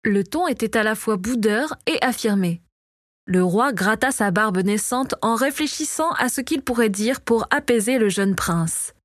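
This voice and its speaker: A woman reading a fantasy novel aloud as narrator, in a steady storytelling voice, close to the mic. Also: fairly high pitch, a little slow, dry recording. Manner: steady, even storytelling read. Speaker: audiobook narrator. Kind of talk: scripted narration.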